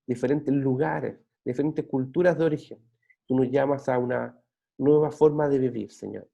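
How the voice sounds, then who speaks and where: With a gravelly, slightly rough voice of medium pitch, a man from Chile delivers a sermon in church before ending in prayer. He preaches earnestly and steadily, often restarting and using fillers.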